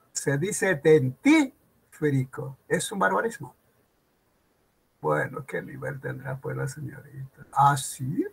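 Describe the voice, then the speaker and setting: A male teacher with a husky, gravelly voice pitched a little high. He talks slowly, stretching out example words and throwing rhetorical questions at his class during a grammar lecture. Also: fairly bright tone. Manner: slow, drawn-out emphasis on example words, rhetorical questions to students.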